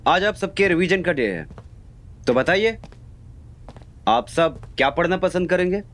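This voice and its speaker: A coaxing schoolteacher. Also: male voice, high-pitched, expressive, a little slow, fairly bright tone, slight background noise. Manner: coaxing, questioning the class. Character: schoolteacher leading a class revision. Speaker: teacher. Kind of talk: web series acting.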